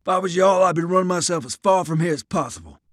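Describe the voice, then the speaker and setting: A man's voice: high voice, fast, no room sound, studio quality, voice pushed up, close to an everyday voice. A male narrator voicing a blunt, fatalistic soldier with a drawl. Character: frightened Southern American soldier, man, blunt and fatalistic.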